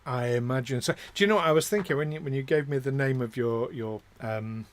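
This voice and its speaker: A man's voice: medium pitch, brisk, slight background noise. A man from northern England, hosting a tabletop game show in casual, joking chat and laughing often. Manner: chatty, laughs often, jokey asides. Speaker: game master and show host.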